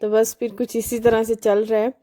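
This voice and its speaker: A woman, chatting casually in a home vlog voice-over, unhurried and pausing often. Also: fairly high pitch, little pitch movement, mellow. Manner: chatty, unhurried, with frequent hesitations. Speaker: home cooking vlogger.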